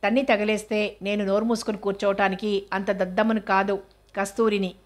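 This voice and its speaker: A woman reading the part of a proud, film-crazy mother who answers her daughters with sharp, indignant retorts. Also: mid-range voice, little pitch movement, brisk, natural voice.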